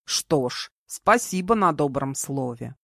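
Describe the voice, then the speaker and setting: A woman reading an audiobook voices a distraught middle-aged man who talks slowly and heavily, full of self-reproach. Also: a bass voice, lively intonation, vocal fry, fairly bright tone, dry recording, clean studio sound, voice pushed down, exaggerated voice. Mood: wry. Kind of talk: audiobook character voice.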